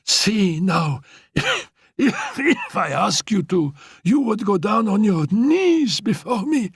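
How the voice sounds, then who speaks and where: Voicing a feverish, dying young woman for an audiobook, a man performs a full character voice that is very animated and slow with a breathy edge. Pitched high, she coughs breathlessly, laughs, pleads, and commands with defiant, imperious force, on a dry studio-quality recording.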